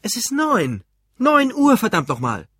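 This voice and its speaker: A man voicing an irritable grown man who shouts at his family, loud and blustering, in an audiobook reading. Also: mid-range voice, sing-song, moderate pace, husky, no room sound, clean studio sound, voice pushed up. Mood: furious.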